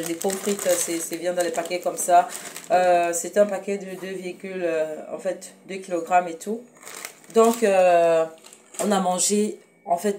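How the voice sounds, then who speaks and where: A fairly low, darkish voice belongs to this Cameroonian woman with a Cameroonian French accent, who hosts a casual home cooking show from her kitchen. Her speech is hesitant, packed with fillers and self-corrections, yet affectionate toward viewers. The mic is distant and carries a slight hiss or hum.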